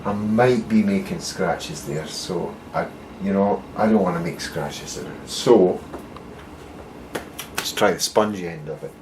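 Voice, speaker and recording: A Scottish man gives an unhurried, casual workshop tutorial as a bass luthier in a fairly low voice. He mutters, swears offhand and jokes dryly as he works. The recording sounds echoey, with a faint room ambience underneath. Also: darkish tone, a little hiss or hum.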